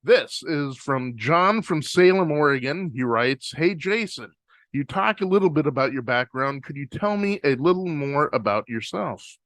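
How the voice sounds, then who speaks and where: Reading listener letters in casual conversation, a Pacific Northwest podcast host rambles with frequent fillers and restarts. His fairly high, expressive voice is fairly bright and moderately paced, heard on a close studio microphone without echo.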